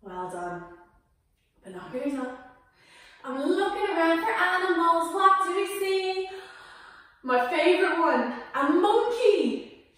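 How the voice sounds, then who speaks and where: A woman's voice: very high-pitched, very animated, slow, pauses often, fairly bright tone. Playful woman in an echoey room. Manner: playful, sing-song, encouraging, makes animal sounds. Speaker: kids' yoga teacher. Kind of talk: guided yoga lesson for children. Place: indoor room. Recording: echoey room, voice from far off the mic.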